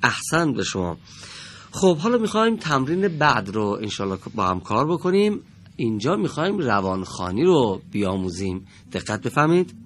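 Guy teaching recitation class, mid-pitched voice, patient, stretches out the verses slow. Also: sing-song, fairly bright tone, a little hiss or hum. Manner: patient, corrects and praises students; drawn-out slow recitation when modeling verses. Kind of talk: classroom lesson with students reading aloud.

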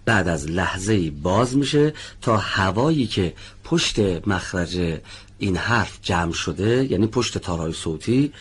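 A man's voice: deep voice, slightly rough. A man teaching pronunciation in a studio lesson, patiently explaining sounds and calling on students one by one.

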